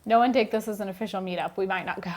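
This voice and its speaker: A woman co-hosting a casual livestream chat, giving short relaxed replies. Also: medium pitch, rapid-fire. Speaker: co-host.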